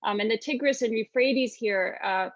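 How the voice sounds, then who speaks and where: A woman's voice: a little high, moderate pace, no echo. Thoughtful American woman, dull dry recording. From Northern Virginia, United States. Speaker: poetry translator. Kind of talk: literary talk and poetry reading.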